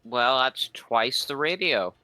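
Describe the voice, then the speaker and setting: Bright-voiced quipping man. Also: medium pitch, expressive, slow, dry recording. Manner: quips, short interjections. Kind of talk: casual gaming chat.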